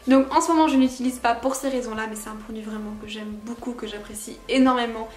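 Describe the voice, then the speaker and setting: A woman's voice: on the high side, fairly even intonation, fast talker, roomy sound. A woman chatting casually and frankly through a beauty product review, laughing at herself now and then. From France. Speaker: beauty vlogger.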